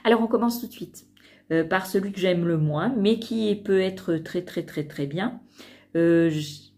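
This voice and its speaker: A woman with a lowish, mellow voice chats to the camera. She talks hesitantly, full of fillers and restarts, like a relaxed sewing vlogger. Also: measured pace. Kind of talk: casual talk to camera.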